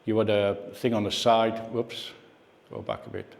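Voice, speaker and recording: Speaking at normal speed, this man has a low, darkish, expressive voice with vocal fry. He's the guest speaker giving a casual, reminiscent talk in a club meeting room, asking his listeners questions, and the recording sounds echoey.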